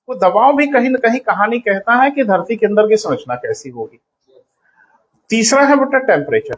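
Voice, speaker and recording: A man's voice: sits high, low-quality recording. A man teaching in a coaching class, lecturing students sternly and calling them "beta" as he explains.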